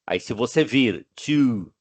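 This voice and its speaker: A man teaching an online English class in Portuguese with a Brazilian accent, drawing out the English examples slowly and checking in with the students often. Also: mid-range voice, animated, no echo. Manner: slow, drawn-out English examples, frequent "né?" check-ins. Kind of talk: online class explaining grammar. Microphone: video call.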